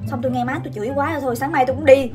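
A young woman, telling a comic childhood story in an animated, dramatic way. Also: high-pitched, racing, loud music behind the voice. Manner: animated and dramatic, acts out scenes. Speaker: vlogger.

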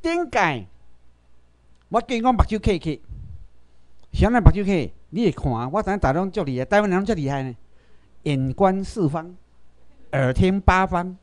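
A man's voice: high voice, sing-song, normal speed, long pauses, darkish tone. A man with a Taiwanese accent gives a political lecture to a class, firing rhetorical questions and asking the audience to raise hands.

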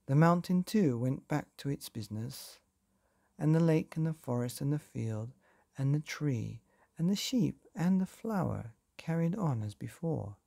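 Gentle guy reading a bedtime story, dark gravelly voice, real slow. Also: on the high side, expressive. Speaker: storybook reader and podcast host.

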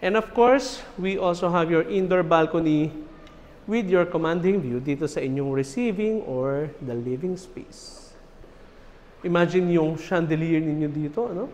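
A Filipino man in his forties gives a lively house tour and names each feature as he goes, speaking in a fairly high voice. His lapel mic catches the long reverb of the large bare rooms, with a faint hiss under it. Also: normal speed. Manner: upbeat, mixes English and Tagalog, lists features. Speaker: real estate house tour host. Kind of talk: walking house tour narration. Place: large empty house with bare hard walls. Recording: lingering hall reverb, faint room hiss.

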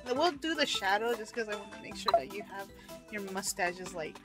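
A woman co-hosting a let's-play, joking and swearing excitedly while making characters. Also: medium pitch, brisk, over music. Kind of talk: casual gameplay chat.

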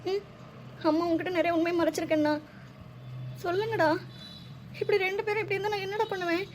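A woman's voice: very high-pitched, steady tone, a little fast, slight background noise. A woman voicing a grieving mother at a hospital bed, pleading and tearful, in a Tamil cartoon dub.

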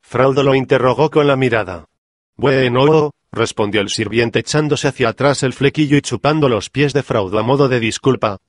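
A man reading a comic parody audiobook in an even, measured scripted narration. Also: medium pitch, no echo, clean studio sound.

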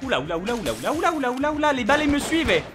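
Excitable high-voiced gamer man. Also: racing, noisy background. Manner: excitable, yelps and swears at the action. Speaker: let's play host. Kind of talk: live gameplay commentary. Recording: game music behind the voice.

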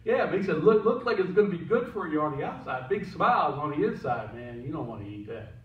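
High-voiced joking preacher in an echoey church. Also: male voice, sing-song, quick pace, far from the mic, a little hiss or hum. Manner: casual, joking, with asides to the slide operator. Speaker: pastor. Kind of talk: sermon. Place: church sanctuary. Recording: echoey church heard from afar, dull.

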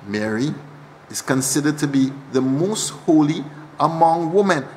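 Trinidadian male preacher, slightly high voice, teaching sermon that repeats key lines, long church reverb. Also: moderate pace, a little mellow, slight background noise. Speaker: archbishop preaching.

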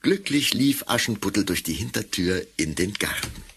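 Deep-voiced man telling a fairy tale warmly. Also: animated, normal speed, slight background noise. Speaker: narrator. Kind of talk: fairy tale narration for an audio drama.

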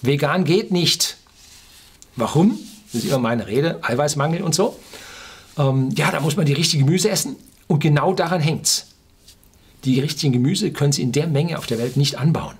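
Speaking emphatically and posing rhetorical questions, a Ruhr-area German man in his sixties delivers a casual, opinionated explainer to camera as a video blogger. He's in a small furnished room indoors, and his slightly rough, somewhat high voice keeps a normal speed but pauses often.

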